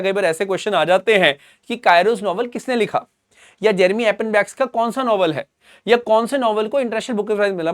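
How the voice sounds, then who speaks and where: Indian male tutor, high voice, dry close sound, recaps the points again and again for exam students. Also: no echo. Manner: explains simply, mixes Hindi with English phrases, repeats key points; calls students "beta". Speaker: exam coaching teacher. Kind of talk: current affairs lecture.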